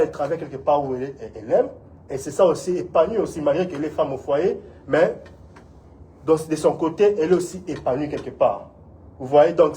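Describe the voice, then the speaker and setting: A man's voice: on the high side, a little mellow, a little hiss or hum. A man from Congo, an instructor giving an earnest, encouraging community talk in an interview. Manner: earnest, encouraging, often asks "vous voyez?".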